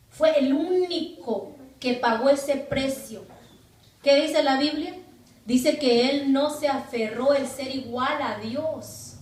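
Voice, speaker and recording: A woman pastor preaching a sermon emphatically, asking rhetorical questions and acting out what people say. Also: high voice. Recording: echoey room, far from the mic.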